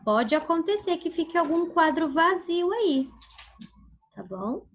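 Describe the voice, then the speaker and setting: A woman teaching a primary school class online with a Brazilian Portuguese accent. She speaks patiently, checks in with the class often, and stretches out syllables slowly when modeling words. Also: very high-pitched, big pitch swings. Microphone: video call. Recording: dull lo-fi video call audio.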